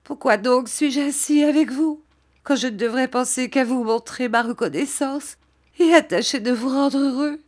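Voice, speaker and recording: A woman's voice: high voice, normal speed, pitched above the performer's own voice, close to an everyday voice. A woman voicing a tearful, remorseful young woman who pleads through sobs in an audiobook. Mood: remorseful sobbing.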